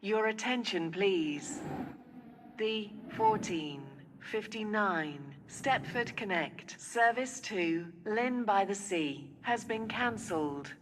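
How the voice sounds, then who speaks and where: Woman station announcer on a loudspeaker, unhurried, long echoing tail. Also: medium pitch, lively intonation, background noise. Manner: measured, evenly spaced phrases. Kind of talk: automated railway platform announcement.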